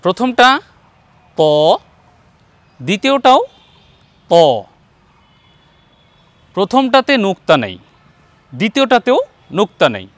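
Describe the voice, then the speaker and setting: A man with a fairly high voice teaches a Quran reading lesson, speaking patiently and straight to his viewers. He stretches out each letter sound so they can repeat after him. The sound is dry and close, with no room echo. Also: big pitch swings. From Bangladesh. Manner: patient, addresses viewers directly, drawn-out letter sounds for repetition. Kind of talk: step-by-step pronunciation lesson.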